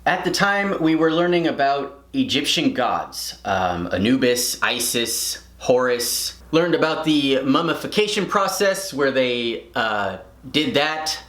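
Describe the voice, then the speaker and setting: A man telling a funny personal story in a self-mocking, animated way while he paints. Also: medium pitch, slow pace. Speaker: vlogger. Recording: roomy echo.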